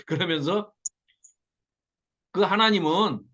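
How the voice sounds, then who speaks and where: A middle-aged man teaching a Bible study to a small class, lively and often acting out mocking lines. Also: high voice, slow, muffled recording. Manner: animated, mocks the invaders in acted quotes.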